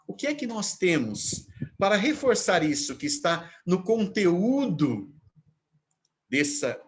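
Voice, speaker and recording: Guy teaching a poetry lecture, kinda high voice, real lively, lots of hiss in the recording. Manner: animated, stresses quoted phrases slowly. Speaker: literature teacher.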